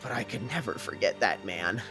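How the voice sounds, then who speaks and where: A man voicing a young boy who is angry and grieving and who speaks in shrill, tearful outbursts. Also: animated, moderate pace, music in the background.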